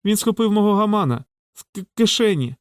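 Little boy crying and stammering, a guy voicing him, pitched way up, dry sound. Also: lively intonation, a little fast, clean tone, dry recording. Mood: tearful. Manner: sobbing, stammering, pleading. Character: small boy con artist, fake-tearful and pleading.

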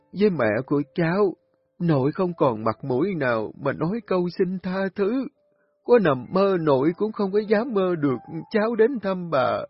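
A frail, bedridden old grandmother, high and quavering, her pleas breaking into sobs, as a male storyteller puts her on. The pitch swings widely and sounds a little husky. It comes through a dull, lo-fi recording. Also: dry recording.

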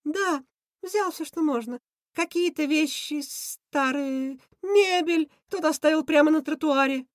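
A jittery, squeaky male rat schemer who keeps shrieking and fretting, as a woman reading an audiobook puts him on. The voice sits very high and sounds nothing like her usual tone. The recording is dry and close. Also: unhurried, dry recording. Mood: scheming. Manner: nervous, excitable, shrieking. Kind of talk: audiobook character voice.

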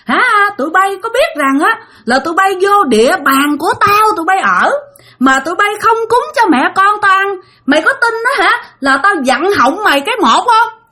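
A woman's voice: very high voice, big pitch swings, normal speed, bright, forceful tone, voice pushed up, exaggerated voice. A woman voicing a hungry female ghost who wails and then screams threats. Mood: furious. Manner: crying then shrieking curses. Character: wailing hungry female ghost, vengeful and furious.

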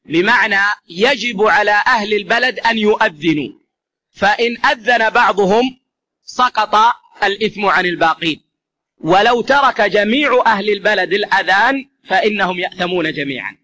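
Calling his audience brothers, a man delivers an explanatory religious lesson in a high, pushed, bright voice at moderate pace. As a religious teacher, he repeats key phrases to drive points home.

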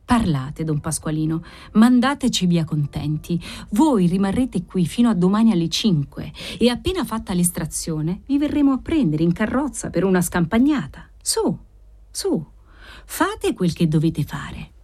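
A sly lottery-office keeper, as a woman narrator plays him, coaxes in a soft, lowered voice. He murmurs more than he speaks. He is a figure in a read-aloud novel. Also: big pitch swings, moderate pace. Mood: coaxing. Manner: soft, coaxing, low. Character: smooth, persuasive lottery-office keeper, a man.

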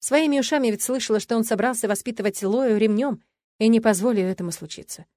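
A woman reading a first-person story in an even, expressive voice. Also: on the high side, quick pace, no room sound, studio quality. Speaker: audiobook reader. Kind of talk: first-person audiobook narration.

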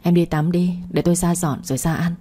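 A gruff, curt grown man from a romance storybook, as a woman reader voices him. Lowish, dark-toned and husky, with clipped, blunt replies. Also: steady tone, brisk, lightly acted. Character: gruff older man, curt but caring.

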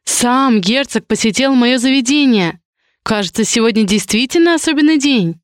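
A woman reading an audiobook plays a bubbly, exclaiming female pastry shop owner who gushes over every guest. Her voice lifts higher and brighter than the narration, smooth and clear. The sound is close and dry. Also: animated, no echo, close to an everyday voice. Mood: delighted. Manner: bubbly, exclaiming, drawn-out gushing. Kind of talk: audiobook character voice.

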